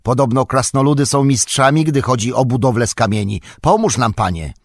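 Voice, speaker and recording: A man voicing a stern old male warrior who shouts rallying cries and urgent requests. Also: mid-range voice, expressive, a little fast, no echo, clean studio sound, voice pushed up. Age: older.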